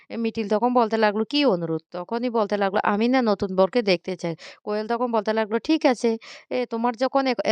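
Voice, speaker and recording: A woman talks through the latest serial episode in a relaxed recap, slipping into the characters' dialogue without changing voice. Her tone is smooth and slightly high, and the sound is close and dry. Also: no echo. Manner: retells scenes, voicing each character's lines in her own voice; hesitant, with frequent fillers and restarts. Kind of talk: casual storytelling recap.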